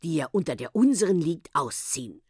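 A woman's voice: deep voice, sing-song, fairly quick, a little mellow, slightly rough, dry recording, studio quality, full character voice. Woman doing an awkward, formal uncle. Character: awkward middle-aged uncle.

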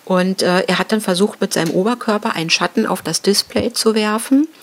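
A middle-aged woman recounts a traumatic event in an interview. She talks in a halting way, with fillers and restarts, and her pitch sits in a middle range for a woman. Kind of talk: emotional personal account.

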